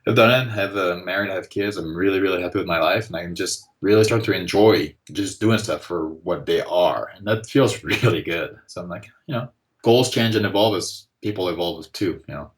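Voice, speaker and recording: Speaking a little fast in a low-sitting voice, a man in his forties appears as a guest artist on a podcast. His talk is easygoing and meandering, packed with fillers.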